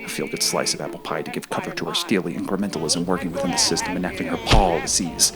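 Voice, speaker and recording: A man's voice: deep voice, steady tone, fast, loud music behind the voice. A man narrating his own documentary in a dry, wry, mock-serious voiceover.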